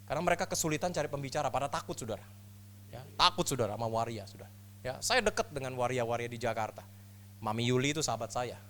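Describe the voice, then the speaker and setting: A man in his fifties preaching a sermon as a pastor, telling stories with humor and jumping between loud bursts and quiet asides. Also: medium pitch, animated, fast, a little hiss or hum. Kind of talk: storytelling sermon.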